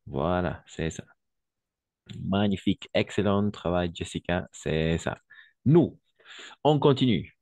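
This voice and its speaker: A man teaches French to Spanish speakers, explaining slowly and patiently, slipping into Spanish and repeatedly checking in with "d'accord?" His voice is low and darkish with lively intonation and vocal fry, and the recording has no echo.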